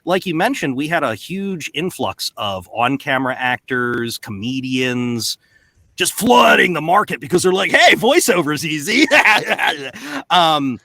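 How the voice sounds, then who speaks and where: His voice fairly high and his pace measured, this voice actor joins a panel by video call from a home booth. He's lively and expressive in casual conversation, picked up by a close studio microphone with no trace of room sound.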